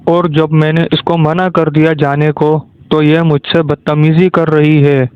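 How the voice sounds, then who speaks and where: A woman's voice: sits low, level tone, unhurried, slight background noise, voice pushed down. A woman voicing a grown son who earnestly argues and reasons with his mother and wife, in a cartoon story. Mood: exasperated. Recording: thin phone-like lo-fi sound.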